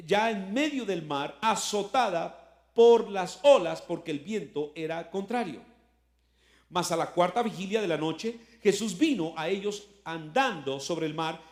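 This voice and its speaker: A male pastor whose voice sits high preaches a sermon conversationally, with a roomy sound to the recording. He fills it with rhetorical questions, and his voice swells with force whenever he quotes scripture.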